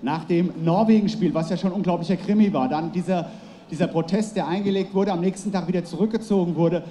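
A man's voice: high-pitched, fast, mellow. A man hosting a live stage interview, asking questions and rallying the audience with energy. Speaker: event host and interviewer.

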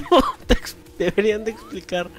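A young man, commentating a video game as he plays, swearing loudly and laughing often at what happens on screen. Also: high voice, expressive, measured pace. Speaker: gameplay commentator. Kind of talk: let's play commentary.

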